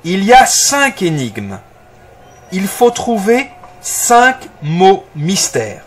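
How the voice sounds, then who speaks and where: A man playing an upbeat escape game guide in an audio story for language learners, articulating deliberately. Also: high-pitched, wildly swooping pitch, heavily acted. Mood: enthusiastic, instructive. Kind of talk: slow, clear language-learner audiobook dialogue.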